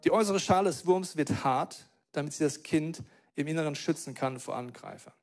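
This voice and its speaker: A man preaching a sermon in a lively, emphatic way. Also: a little high, a little fast, soft background music. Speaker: pastor.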